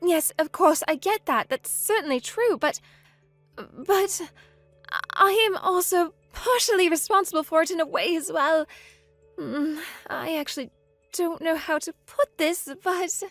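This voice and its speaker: A woman voicing a guilty, hesitant female best friend in a text-message story, speaking in a lower, apologetic way. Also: animated, moderate pace, few pauses, dry recording, soft background music.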